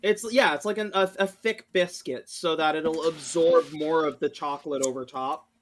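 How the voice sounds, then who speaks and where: A man's voice: on the high side, fairly even intonation, moderate pace, a crowd in the background. A man playing a tabletop game, describing his character's actions in a rambling way full of fillers. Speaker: player. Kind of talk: tabletop role-play narration.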